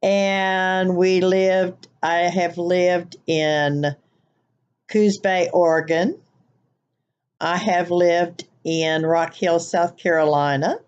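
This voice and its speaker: Her voice is fairly low, darkish, clear and resonant, with fairly even intonation and a very slow pace, though the audio is dull. This older Midwestern woman is a vlogger chatting casually and a bit ramblingly to her webcam from her living room couch in an accent tag video. She has a Southern US accent mixed with Wisconsin nasal twang.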